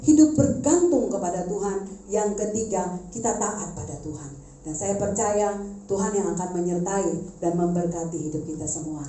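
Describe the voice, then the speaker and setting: A woman's voice: mid-range voice, slight background noise. Woman preaching in an echoey church. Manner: conversational, animated storytelling with asides to the congregation. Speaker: preacher, schoolteacher. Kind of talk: sermon. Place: church service.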